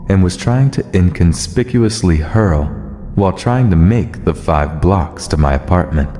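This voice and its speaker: Deep-voiced man reading a horror story. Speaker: narrator. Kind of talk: scripted horror story narration. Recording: long reverb over music. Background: soft music.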